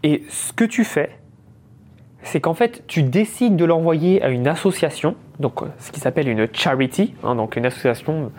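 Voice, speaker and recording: A man's voice: fairly high pitch, expressive, moderate pace, a little mellow. A man in his thirties from France, hosting a podcast and telling a story in a casual, chatty way, mixing English business words into his talk. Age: 30s. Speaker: podcast host.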